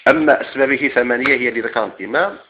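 Fast-talking Moroccan teacher, muffled recording. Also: male voice, medium pitch. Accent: Moroccan Arabic. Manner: recapping in short listed phrases, with restarts. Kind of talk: recap of an Islamic legal theory lesson.

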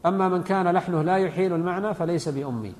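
A sheikh with a high, darkish voice gives a very fast religious lecture on Islamic law, patiently explaining points and reciting examples. A long hall reverb colors the recording.

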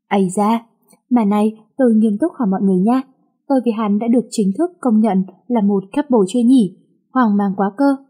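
Husky woman narrating a novel. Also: mid-range voice. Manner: lively, chatty storytelling with asides. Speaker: audiobook narrator. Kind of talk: first-person novel narration.

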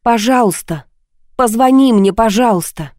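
Frantic tearful young woman, high and mellow, dry close read, as a woman narrator puts her on. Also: unhurried, dry recording, close to an everyday voice. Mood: pleading. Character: desperate young woman on the edge of hysteria.

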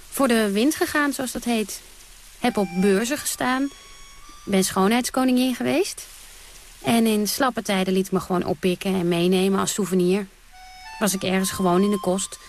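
A woman's voice: medium pitch, steady tone, moderate pace, a little hiss or hum, close to an everyday voice. An actress playing a brash, defiant woman who tells of her wild nights in a theatrical radio monologue, blunt and dry with sudden outbursts. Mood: matter-of-fact.

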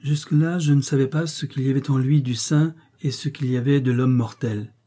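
A male audiobook narrator reading a classic novel in an even, measured delivery. His voice is mellow and soft-edged, with a slight huskiness. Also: mid-range voice. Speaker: audiobook reader.

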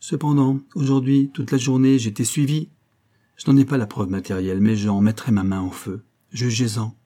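A man's voice: medium pitch, steady tone, moderate pace, dark tone, close to an everyday voice. A man reading an audiobook, voicing an earnest, anxious young painter giving urgent instructions.

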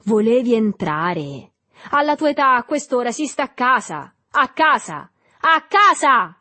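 A woman reading a novel aloud, voicing a loud, jovial, red-faced man who shouts and repeats himself. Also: on the low side, normal speed, husky, no room sound. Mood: shouting.

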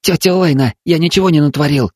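A man's voice: on the high side, quick pace, darkish tone, no room sound, clean studio sound, pitched above the performer's own voice, natural voice. A man voicing a frightened, stubborn young village boy who pleads on the edge of tears in an audiobook. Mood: pleading.

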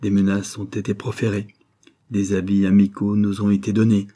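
A man reading a novel aloud, voicing a worried gentleman friend who speaks in careful, measured warnings. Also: on the low side, monotone, lightly acted.

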